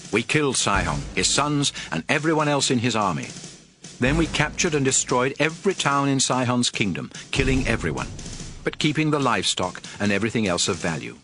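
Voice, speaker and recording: A man with a medium-pitched voice narrates scripture for a dramatized audio Bible. His storytelling is measured and expressive.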